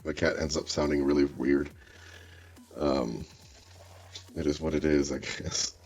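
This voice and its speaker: A streamer coding a website talks through a voice changer in a bass voice that's flat, measured, and darkish. He rambles and thinks aloud in casual chat, hesitant and muttering to himself with many fillers.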